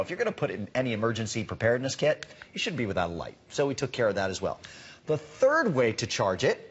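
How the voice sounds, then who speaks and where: In a live home shopping demonstration, a man with a medium-pitched voice acts as the product expert, explaining things conversationally and emphatically and repeating words for stress. There's a little hiss or hum on the recording.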